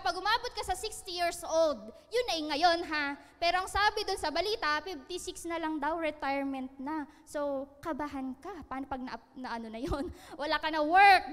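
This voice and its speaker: A young woman giving a lively seminar talk, joking often, laughing and asking her listeners questions. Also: very high voice. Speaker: seminar speaker. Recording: long hall reverb.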